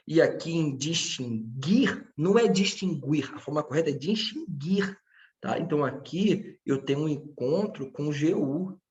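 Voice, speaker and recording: A slightly high, darkish male voice, recorded with the highs cut off, delivers a patient grammar lesson. He speaks directly to his students and pauses regularly to check on them.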